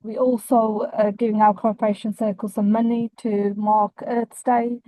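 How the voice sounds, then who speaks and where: A woman talking on her phone speaker while driving, trustee of a faith network, brisk and a little apologetic as she speaks up in the car. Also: mid-range voice, level tone, mellow, no room sound, poor audio. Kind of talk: online meeting contribution. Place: inside a car.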